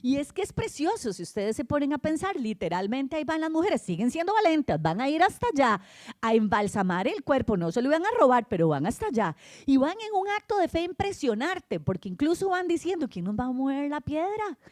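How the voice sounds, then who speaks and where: A woman's voice: sits high, very animated, brisk, a little mellow, no room sound, clean studio sound. A woman preaching an Easter sermon to a congregation, telling the story with animation, acting out voices and often asking her listeners "right?". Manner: acts out voices of the people in the story.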